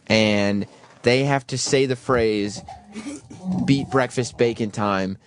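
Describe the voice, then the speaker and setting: A man with an average-pitched voice co-hosts a radio show. He sets questions for the others and explains things in a casual, conversational way. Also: slow pace, background noise. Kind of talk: casual chat.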